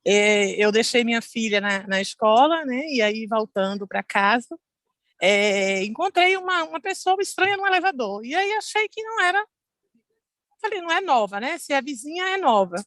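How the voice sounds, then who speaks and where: A woman's voice: on the high side, moderate pace, no room sound. A Brazilian woman telling a heartfelt church testimony to her pastor, acting out the people she quotes. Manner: animated storytelling, voicing the people she quotes. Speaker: church member sharing a testimony. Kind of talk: emotional testimony on a call. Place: at home.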